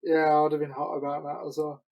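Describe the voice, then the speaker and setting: A man co-hosting a podcast in relaxed, joking chat. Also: fairly high pitch, brisk, lo-fi sound. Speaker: podcast co-host. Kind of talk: casual chat.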